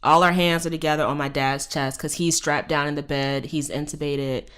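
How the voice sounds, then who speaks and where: A woman in her thirties with a low-pitched voice speaks as a guest on a podcast interview. She tells her story candidly and emphatically, swearing freely and building to forceful rhetorical questions. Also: fairly even intonation, normal speed, clean tone. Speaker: professor guest.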